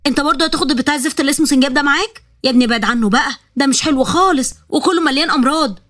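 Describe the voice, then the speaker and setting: A woman's voice: sits high, very fast, a bit bright. A woman doing a nagging Egyptian mother. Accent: Egyptian Arabic. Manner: nagging, exasperated.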